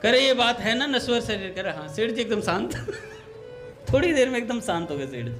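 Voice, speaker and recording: High-voiced man telling devotional stories. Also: normal speed, faint music behind. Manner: acts out dialogue in anecdotes, relaxed conversational tone. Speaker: satsang speaker. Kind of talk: devotional storytelling talk.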